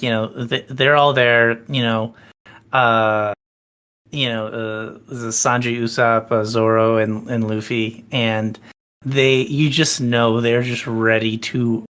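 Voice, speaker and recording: A man co-hosting a casual chat podcast, talking in long, excited, rambling runs and swearing freely. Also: mid-range voice, slow. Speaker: podcast co-host.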